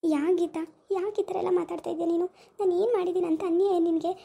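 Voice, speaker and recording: A woman playing a gentle, wronged woman in an amateur village drama, who pleads and asks why she is being attacked. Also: extremely high pitch, steady tone, fast talker, gravelly. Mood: pleading. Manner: pleading, hurt, questioning.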